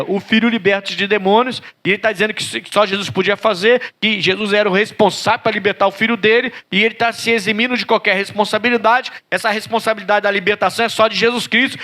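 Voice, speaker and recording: A male Brazilian pastor preaching with a high, bright voice. He acts out biblical characters with dramatic flair and climbs into pleading cries. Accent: Brazilian Portuguese. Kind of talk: sermon.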